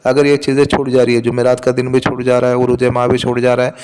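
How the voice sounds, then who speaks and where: Flat-voiced man teaching a spiritual remedy. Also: mid-range voice, fast, clean tone, in a large hall. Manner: repetitive, explaining step by step. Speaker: religious teacher.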